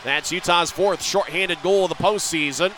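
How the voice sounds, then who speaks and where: A man doing rapid live hockey play-by-play as the announcer, in clipped running phrases that can swell into drawn-out shouted goal calls. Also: high-pitched, a little hiss or hum. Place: live at an ice hockey arena.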